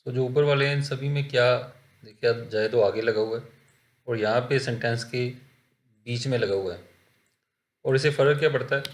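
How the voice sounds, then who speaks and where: A man with an Indian accent teaching a spoken-English lesson, explaining with examples in a steady, patient way. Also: mid-range voice, moderate pace, long pauses.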